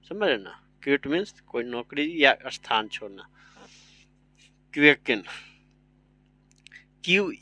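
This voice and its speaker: A man's voice: on the high side, bright, forceful tone, dry recording. A man, teaching a casual vocabulary lesson, chatty, spelling words out letter by letter and often checking that students follow. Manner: keeps repeating "samajh rahe na".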